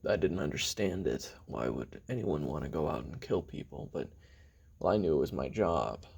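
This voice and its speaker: A male voice actor performs a confessional taped memoir for an audio drama as a weary, bitter, regretful assassin haltingly recalling his youth. The full character voice is very deep, gravelly and husky, often breathy and dropping toward whispers, yet lively in intonation and a little mellow, with a wry, reflective mood.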